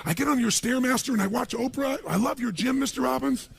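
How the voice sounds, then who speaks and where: High, gushing housemaid, effusive and breathless, a man doing the voice. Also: fast talker, gravelly, slightly rough, exaggerated voice. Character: gushing, delighted female housemaid.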